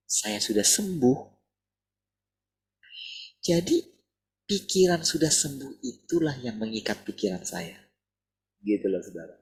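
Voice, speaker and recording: A man delivers a sermon as relaxed, direct talk with his listeners. His voice is gravelly and a little husky. His pitch rises and falls in lively swings. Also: low-quality recording. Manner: conversational preaching, addresses listeners as saudara. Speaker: preacher.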